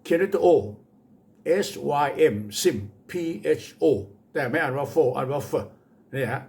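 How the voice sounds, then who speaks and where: A man with a Thai accent teaching English pronunciation, speaking slow deliberate English with hesitant fillers, spelling words letter by letter and switching quickly into Thai explanations. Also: on the high side, gravelly. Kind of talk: bilingual pronunciation lesson.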